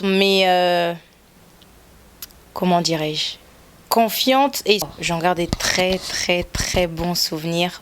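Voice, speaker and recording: A woman from the Republic of the Congo answers as a pageant contestant, with a fairly low voice. She speaks in a composed, measured way, pausing to think aloud. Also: slight background noise. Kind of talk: interview answers.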